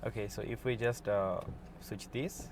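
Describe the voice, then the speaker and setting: A man's voice: on the low side, fairly even intonation, a little slow, darkish tone, a little hiss or hum. A man from Bangladesh, a learner driver answering questions simply inside a car. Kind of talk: casual answers.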